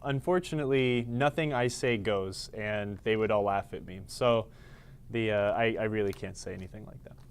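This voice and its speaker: The host of a casual live stream, a man with a lowish voice at normal speed, rambles and teases himself while adjusting the camera and lights in a studio space at his workplace. He mostly talks to himself as he works, with slight background noise.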